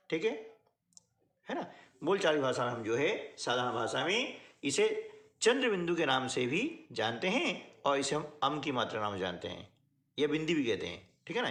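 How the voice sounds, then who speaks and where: A man teaching a workbook lesson, explaining step by step and often checking in with short questions to the listener. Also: echoey room. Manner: lively, rising and falling pitch.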